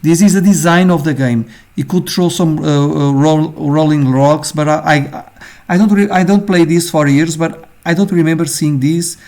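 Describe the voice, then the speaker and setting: Portuguese-accented male teacher, slightly high voice, casual halting lesson delivery. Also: darkish tone. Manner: halting, many fillers, ends phrases with "okay?". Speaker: game design teacher. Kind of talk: informal screen-share lesson.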